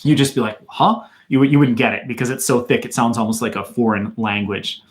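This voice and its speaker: Speaking a little fast in a medium-pitched voice with fairly even intonation, a Madison, Wisconsin, man in his thirties with an American accent fields viewer questions on his livestream. He reads each one aloud and chats casually, using plenty of fillers.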